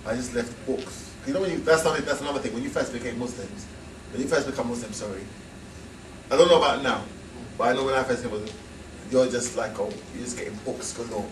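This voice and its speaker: A man's voice: medium pitch, fast talker. A man telling his own story in a frank, rambling way with laughing asides. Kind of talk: casual storytelling talk. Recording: echoey hall, distant mic, noisy.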